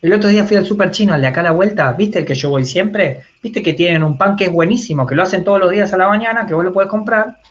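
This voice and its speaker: A man's voice: sits high, fast, hardly any pauses, slight background noise, pitched above the performer's own voice, close to an everyday voice. Male lecturer doing a forgetful, gushing old grandmother; lifted, sing-song voice. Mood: chatty. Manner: gushing, repeats the same story. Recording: muffled video call audio.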